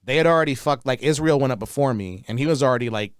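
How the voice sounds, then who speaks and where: A man's voice: mid-range voice, fast talker, smooth, no echo, clean studio sound. A man in his thirties, a stand-up comedian, telling stories in a laid-back way, swearing a lot and calling people dude. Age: 30s. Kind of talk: casual storytelling.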